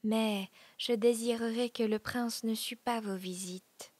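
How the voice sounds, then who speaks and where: A woman voicing a wounded young stranger in hiding, in a hushed whispered role-play. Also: fairly high pitch, fairly even intonation, unhurried, dry recording. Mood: courteous. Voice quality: breathy, hushed.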